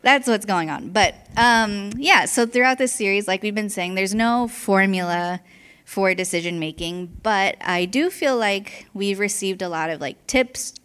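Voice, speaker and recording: A woman's voice: medium pitch, unhurried, fairly bright tone, smooth. Breathless young woman giving a casual talk. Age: young adult. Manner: informal, with frequent "like" and "right?" check-ins. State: slightly out of breath from speaking while pregnant. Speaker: church speaker. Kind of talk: casual conversational sermon.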